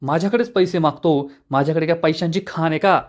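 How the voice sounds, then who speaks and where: A man's voice: on the high side, brisk, natural voice. A man voicing an angry scheming woman villain in a retold TV serial, scolding sharply.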